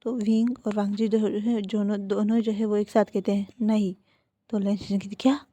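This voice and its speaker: A woman casually retelling a fan story, chatty and loose with filler phrases. Her voice is warm and mellow, mid-pitched. The sound is close and dry. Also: level tone, fairly quick, no room sound.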